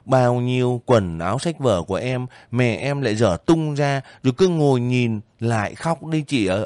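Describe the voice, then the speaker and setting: A man voicing a lively, homesick young girl soldier who talks eagerly and breaks down in tears, in an audiobook reading. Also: mid-range voice, normal speed, no room sound, natural voice. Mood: tearful. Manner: chatty, emotional, breaks into crying.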